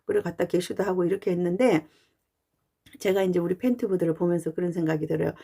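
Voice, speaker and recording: A woman fan channel YouTuber talking casually and earnestly to her viewers, pausing often with "uh". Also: on the low side, fairly even intonation, creaky, dark tone, husky. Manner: chatty and earnest, with frequent "uh" pauses. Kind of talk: casual talking-head monologue.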